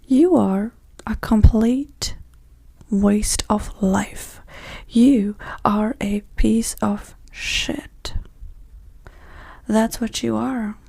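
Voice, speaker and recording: A woman's voice: mid-range voice, creaky, mellow, breathy edge, no room sound, heavily acted. A woman voicing a cruel, mocking devil in Hell in a whispered role-play, with a demonic, taunting whisper. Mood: contemptuous. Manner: demonic whisper, slow, taunting, foul-mouthed.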